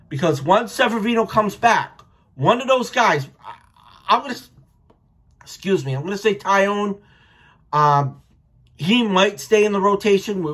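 Casual, foul-mouthed, and opinionated, a baseball fan in his thirties from Rhode Island shares post-game reactions as a sports vlogger. His voice is a little high and a bit bright, captured on a webcam in a small furnished room at his home.

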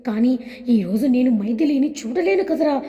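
A woman voicing a tender, lovesick young man in an audio story, reading his lines in her own high voice with an affectionate, wistful manner. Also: lively intonation, moderate pace, lo-fi sound. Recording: long hall reverb.

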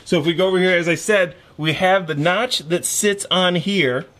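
A man's voice: high-pitched, normal speed, a bit bright. A man in his thirties casually explaining an engine rebuild step by step in his home garage, his voice picked up by the camera mic while he works. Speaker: garage mechanic host. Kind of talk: casual how-to narration.

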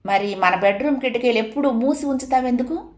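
A woman's voice: medium pitch, moderate pace, lightly acted. A woman voicing a brooding, dreamy young husband in a read-aloud story.

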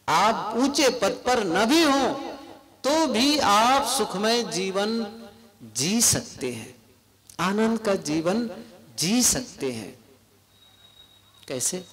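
A man preaches to a seated congregation in a high, highly animated voice, leaning into rhetorical questions. His delivery is unhurried, and the murmur of a large crowd carries under his words. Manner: slow, questioning, with rhetorical asides to the audience. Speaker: spiritual preacher. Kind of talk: devotional sermon to a live gathering. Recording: crowd noise from a live gathering.

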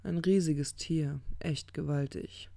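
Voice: mid-range voice, steady tone, slow, vocal fry, warm tone, dry recording. A reader playing a drunk, muddled angel. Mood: musing. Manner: slurred, searching for words. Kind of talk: audiobook character reading.

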